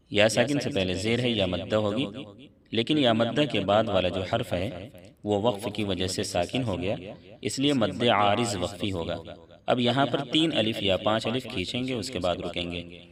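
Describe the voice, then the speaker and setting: A man teaching Quran tajweed, explaining each letter's sound plainly between slow chanted recitations. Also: fairly low pitch, recorded from a distance, crowd noise.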